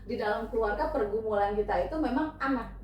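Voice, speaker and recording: A woman leading a casual church group discussion, speaking calmly about family. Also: on the high side, a little fast. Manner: gives short agreeing replies, speaks calmly in longer turns. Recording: echoey room, mic far off, faint noise.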